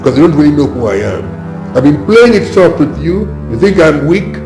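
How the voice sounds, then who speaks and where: A man's voice: medium pitch, rapid-fire, gravelly, echoey room, music in the background, lightly acted. An actor with a Nigerian accent playing a stern king who gives angry commands in a film drama. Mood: threatening. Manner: commanding, threatening.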